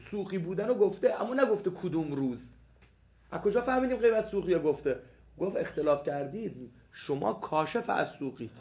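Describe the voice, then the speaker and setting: In a phone-like lo-fi recording, a man with a high, gravelly voice lectures a seminary jurisprudence class. He is animated, reads passages aloud, repeats his points and questions his students.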